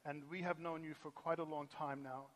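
A pastor hosting a lively church service, joking and energetic, often tripping over restarts. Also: male voice, fairly high pitch, fairly quick. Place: church sanctuary.

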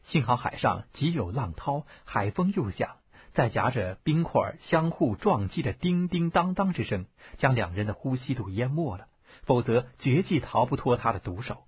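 A man narrating a martial-arts novel as an audiobook, telling it expressively with a husky voice. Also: mid-range voice, moderate pace, no echo. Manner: expressive storytelling, varied tone. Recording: dull, dry lo-fi audiobook recording.

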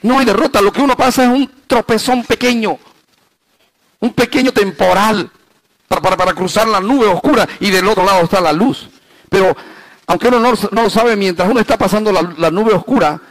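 In this low-quality, dry recording with no room sound, a male pastor shifts between booming high emphasis and soft low passages. He slows down to underline key phrases and asks rhetorical questions of the congregation.

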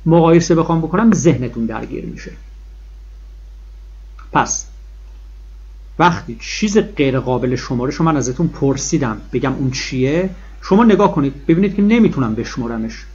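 A man teaching an English grammar lesson in a classroom style, stressing and repeating key points and stretching out example words slowly. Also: medium pitch, expressive, darkish tone. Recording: dull lo-fi husky recording.

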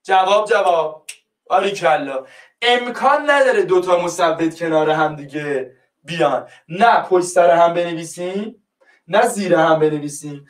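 A man's voice: fairly high pitch, echoey room, far from the mic. A man teaching a class, coaxing his pupils and repeating each prompt until they answer. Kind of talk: online class lesson.

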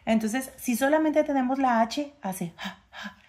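A woman's voice: sits high, a little slow, a little mellow. A woman, reading a phonics book aloud to a child and sounding out the letter sounds in a sing-song way.

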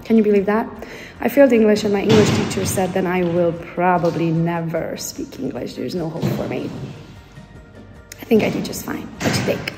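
A woman in her forties, born in Transylvania, tells her own story in a warm, chatty vlog style and talks straight to the people watching. She records at her desk and then walks through old school halls with a phone in hand. Soft music plays faintly underneath. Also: lowish voice, steady tone, normal speed. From Transylvania, Romania. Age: 40s. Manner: chatty, playful, addresses viewers directly. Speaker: entrepreneur vlogger. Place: home office with window, then old school building.

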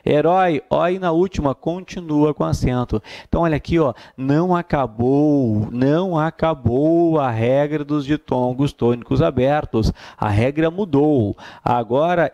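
A man's voice: fairly high pitch, mellow. A man with a Brazilian Portuguese accent teaching an exam-prep grammar lesson, emphatic, repeating key points and answering his own questions.

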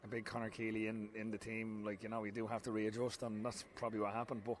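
Irish man in his forties, football manager, rapid and candid, stop-start phrasing, recorded pitchside at night. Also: completely flat delivery, a little hiss or hum. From Ireland. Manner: frank, repeats himself, many restarts. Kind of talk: post-match interview. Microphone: handheld mic held close.

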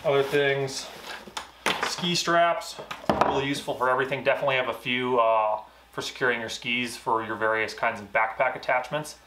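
A man's voice: medium pitch, fairly even intonation, moderate pace, bright, forceful tone, a little hiss or hum. A man in his thirties, a mountain guide, casually explaining his gear with frequent fillers. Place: indoor garage gear room. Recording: echoey room.

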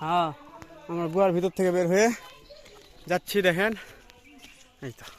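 A man's voice: high-pitched, steady tone, normal speed. A man with a Bangladeshi accent giving casual on-the-spot vlog commentary, exclaiming and repeating his phrases. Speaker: vlogger. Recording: busy crowd voices behind. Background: chatter of other visitors.

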